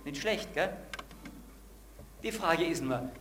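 A man's voice: a little high, lively intonation, slow pace, a bit bright, slight background noise. A man preaching a sermon and asking the congregation direct questions.

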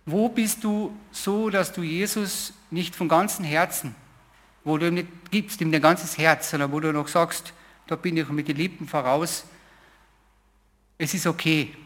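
Middle-aged male preacher, fairly high voice, loose testimony-style sermon with restarts. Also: steady tone, a little slow, a bit bright. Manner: informal storytelling, with hesitations and repeated phrases.

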